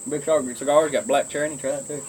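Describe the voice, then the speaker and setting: A man's voice: on the high side, steady tone, rapid-fire, a little mellow, slight background noise, low-quality recording. Folksy Southern man rambling over his pipe. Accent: Southern US, rural Kentucky. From Kentucky, United States. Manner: folksy, drawling country speech; talking while smoking a pipe. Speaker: pipe-smoking video blogger. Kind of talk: rambling casual chat to viewers.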